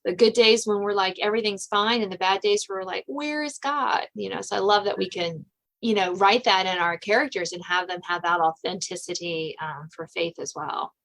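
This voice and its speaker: On a rough recording, a suspense novelist who hosts a podcast chats through a casual interview. Her voice sits mid-range with a fairly bright tone and moderate pace, and she rambles, leaning often on filler phrases like "you know."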